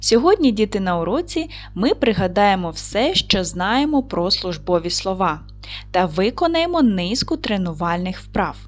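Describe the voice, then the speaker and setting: A woman's voice: medium pitch, very animated, moderate pace. Woman teaching a children's video lesson. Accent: Ukrainian. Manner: clear, patient, instructive tone addressing children. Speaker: primary school teacher.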